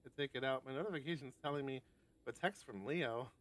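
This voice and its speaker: Fast and fairly bright, with a medium pitch, this man reads a visual novel aloud on stream and chats casually in between, now and then swearing.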